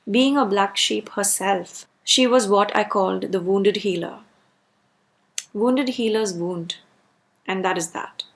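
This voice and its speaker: A woman speaks in an ordinary mid-range pitch with a strongly creaky, fried edge. She delivers a personal rant as a video creator. Her phrasing is emphatic, with key words repeated for stress. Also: a bit bright.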